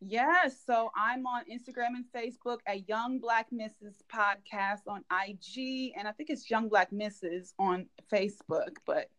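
A woman's voice: on the high side, measured pace, hardly any pauses, a bit bright. A woman podcaster in casual banter, slangy and affirming, repeating phrases for emphasis. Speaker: podcaster, guest co-host.

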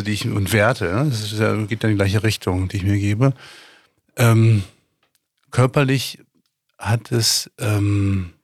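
A man's voice: fairly low pitch, dry recording, clean studio sound. A man co-hosting a podcast, talking reflectively with many fillers and hesitations. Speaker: podcast co-host.

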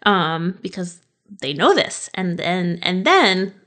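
A woman's voice: on the low side, animated, takes it slowly, fairly bright tone. A woman hosts a casual podcast conversation. She talks freely and chattily, laughs often, and drops the odd swear word. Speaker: podcast host.

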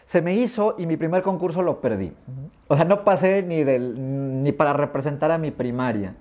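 Speaking at normal speed in a slightly high voice, a middle-aged man with a Mexican accent shares childhood stories as an interview guest. He's animated throughout, acting out the conversations he recalls.

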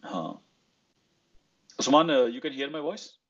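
Husky North Indian Punjabi-accented man. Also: medium pitch, a little slow, a bit bright. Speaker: host of an online audio discussion. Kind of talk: casual political discussion. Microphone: online audio call. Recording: slightly muffled online call audio.

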